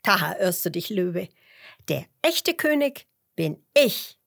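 A woman's voice: a little high, very animated, slow pace, vocal fry, bright, forceful tone, no room sound, clean studio sound, exaggerated voice. A woman voicing a vain, cheeky male fox who brags about his cleverness in a children's story. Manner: cheeky, smug.

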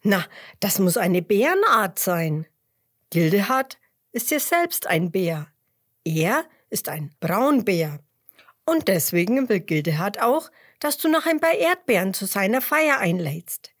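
A woman voicing a cheerful, self-assured young male hare in a children's story, speaking with lively confidence. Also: mid-range voice, slow, no echo, clean studio sound. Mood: confident.

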